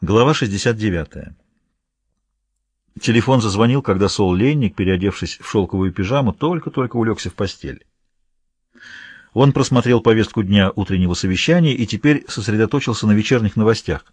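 A man narrating an audiobook in a measured, steady reading voice. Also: lowish voice, breathy edge, dry recording. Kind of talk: scripted narration.

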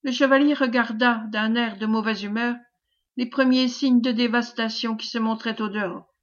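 A woman reading a novel aloud as audiobook narrator, in measured, even storytelling. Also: fairly high pitch, muffled recording. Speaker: audiobook reader.

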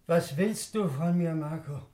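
A man's voice: a little high, a little slow, mellow, lightly acted. An actor playing a frightened, stammering man in a classic radio play. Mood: nervous. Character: frightened nervous man Anton.

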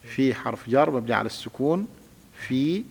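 A man's voice: medium pitch, lively intonation, moderate pace, creaky, breathy edge. Man teaching grammar in an echoey room. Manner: patient, step-by-step explanation, has the student repeat words. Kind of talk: classical grammar lesson. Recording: reverberant room with long echo.

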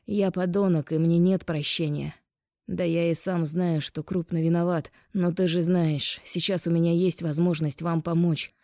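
A woman reading an audiobook, voicing a remorseful middle-aged ex-husband who speaks low, quiet and slow. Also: no echo, studio quality, close to an everyday voice.

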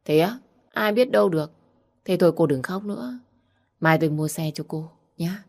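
A caring young benefactor who teases softly and talks calmly, as a woman reading a storybook puts him on. The voice sits low and even, with an unhurried storybook pace. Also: vocal fry. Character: young man, caring benefactor, gently teasing. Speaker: audiobook reader.

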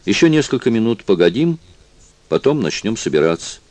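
A calm, reflective older gentleman, unhurried and considered, as a male audiobook reader voices him. The voice is low, and the room is dry. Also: no echo. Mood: thoughtful. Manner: thoughtful, measured. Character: calm, thoughtful older man.

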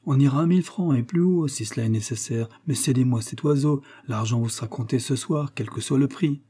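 Man voicing a gentle old priest: husky, dark, earnest and pleading. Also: medium pitch, brisk, pitched above the performer's own voice, close to an everyday voice. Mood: persuasive. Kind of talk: audiobook character reading.

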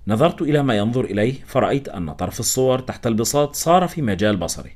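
A man narrating a first-person story as a scripted audiobook reading, with a steady storytelling manner. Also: mid-range voice, racing.

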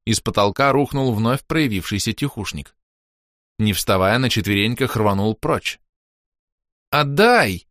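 A man's voice: fairly low pitch, normal speed, fairly bright tone, dry recording, clean studio sound. A man narrating a fantasy audiobook expressively, acting out the dialogue.

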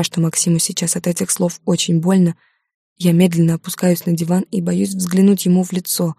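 A woman's voice: lowish voice, dark tone, husky, dry recording, clean studio sound. A young woman reading a first-person audiobook in an emotional, heavy-hearted way. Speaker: audiobook narrator.

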